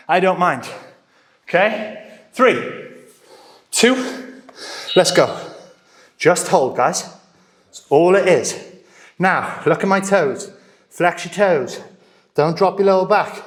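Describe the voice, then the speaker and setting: Roomy-sounding male fitness coach counting down. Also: a little high. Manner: encouraging, gives short commands and counts down. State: getting out of breath. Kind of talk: live workout instruction. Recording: roomy echo.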